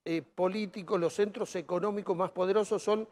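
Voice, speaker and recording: A man with an Argentine accent hosts an interview in a high voice. He frames questions at length and sums up his guest's points in relaxed, informal speech. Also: brisk. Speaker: talk show host. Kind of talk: interview hosting.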